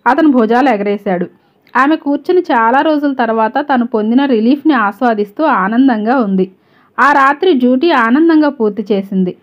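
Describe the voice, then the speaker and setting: Woman storyteller, steady even narration, fairly high voice, slightly muffled lo-fi recording. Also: moderate pace.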